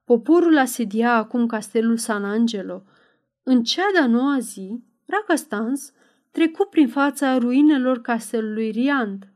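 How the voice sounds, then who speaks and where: A woman reading an adventure novel aloud in measured audiobook narration. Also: fairly high pitch, animated, a little mellow. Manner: measured storytelling, raises voice for dialogue.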